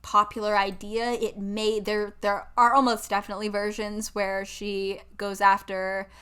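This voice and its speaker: Young woman podcast co-host, bright voice, chatty and animated, casual talk. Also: mid-range voice, unhurried, smooth. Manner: chatty, lots of "like", animated asides. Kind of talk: casual chat.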